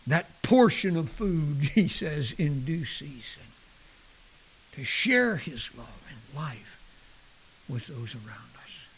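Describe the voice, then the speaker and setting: A man preaching a sermon, expressive, dropping at times to a hushed near-whisper and chuckling at his own jokes. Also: fairly high pitch, breathy edge. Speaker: pastor.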